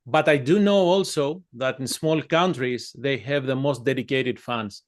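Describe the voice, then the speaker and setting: A man's voice: mid-range voice, a little slow. A man from Greece hosting an interview and asking friendly, enthusiastic questions. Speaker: interviewer, host. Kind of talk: casual interview.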